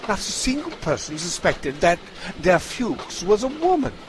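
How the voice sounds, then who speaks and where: A man's voice: high voice, sing-song, moderate pace, noisy background. A man playing Sherlock Holmes, a brilliant, aloof detective, in a theatrical, wry manner in an amateur audio drama.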